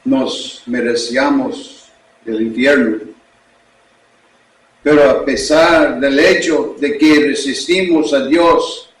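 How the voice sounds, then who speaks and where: Male pastor with an English accent, preaching slowly in his second language; recorded in a roomy space from a distance. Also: a little high, slight background noise. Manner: slow, deliberate preaching in a learned second language. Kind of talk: sermon. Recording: echoey room, distant mic.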